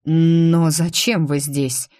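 A woman's voice: low-pitched, normal speed, no echo, studio quality, lightly acted. A woman voicing an indignant young nobleman who blusters about his rights in an audiobook. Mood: bewildered. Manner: outraged, then bewildered.

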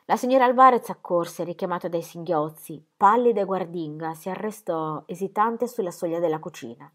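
A woman reading a novel aloud as narrator in a calm, measured way. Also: fairly low pitch. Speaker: reader. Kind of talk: scripted narration.

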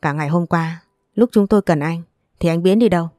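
A woman voicing a sharp-tongued but protective middle-aged aunt in an audio story. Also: fairly low pitch, fairly quick, dry recording, clean studio sound, natural voice. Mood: scolding. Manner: scolding, firm.

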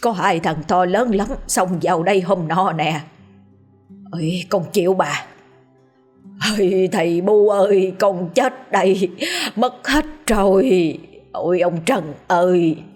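A woman's voice: lowish voice, takes it slowly, darkish tone, faint music behind. A woman voicing a miserly, fretful old grandmother in a storybook tale who scolds and laments in a rustic way. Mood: wailing.

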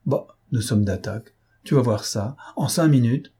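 A man reading an audiobook voices a rough, bossy junk dealer who leads a gang. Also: medium pitch, normal speed, mellow. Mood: gruff.

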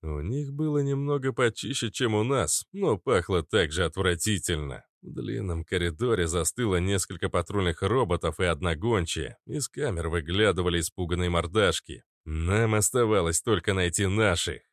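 A man reading an audiobook in the first person, steady and urgent. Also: low voice, moderate pace, few pauses, dry recording, clean studio sound. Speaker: audiobook narrator.

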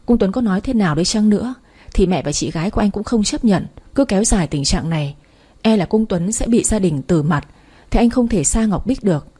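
Woman, first-person story narration, mellow, breathy, even delivery. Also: mid-range voice, a little fast.

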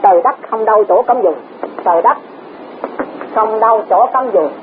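A woman's voice: on the high side, moderate pace. A woman giving a Buddhist Dharma talk, repeating words and asking rhetorical questions. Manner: repetitive, rhetorical questions, chuckles often. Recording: tinny lo-fi recording with faint hiss.

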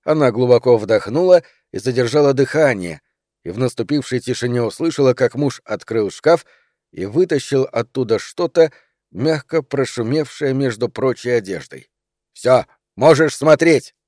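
A man narrating an audiobook in a measured, expressive voice. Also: medium pitch, no echo, clean studio sound. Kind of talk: audiobook reading.

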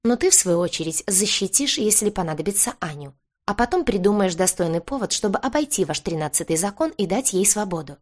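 A woman's voice: mid-range voice, expressive, brisk, hardly any pauses, close to an everyday voice. A woman voicing a fiery young woman necromancer who speaks in an indignant, demanding way in an audiobook reading. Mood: bargaining.

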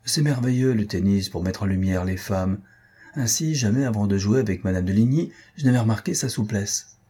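A man's voice: lowish voice, fairly quick, warm tone, breathy edge. A man reading an audiobook, voicing a fickle, playful young count who talks lightly and affectionately. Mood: teasing.

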